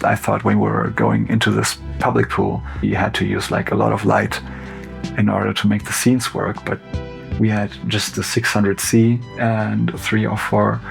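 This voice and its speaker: A cinematographer with a German accent talking through a film breakdown in a relaxed, loose way, full of "like" and "you know". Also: male voice, fairly low pitch, creaky. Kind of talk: casual behind-the-scenes commentary.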